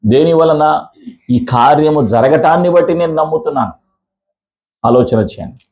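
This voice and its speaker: A man preaching a sermon as a pastor in a church, emphatic, with rhetorical questions and slow, repeated phrases. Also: fairly high pitch, a little mellow, rough recording. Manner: drawn-out slow phrases in series.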